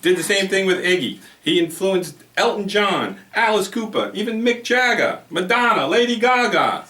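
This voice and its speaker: A man hosts a loose, joking talk show from a room in a house, rambling between bits and laughing at his own jokes. His voice is bright and forceful. It sits back from the mic in an echoey room with a faint hiss underneath. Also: high-pitched, animated, moderate pace, recorded from a distance.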